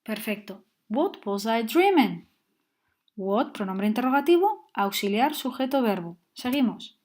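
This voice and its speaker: Woman teaching grammar, slightly high. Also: very animated, measured pace, darkish tone. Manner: clear, patient explaining with frequent check-ins. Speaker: English teacher. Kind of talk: grammar lesson.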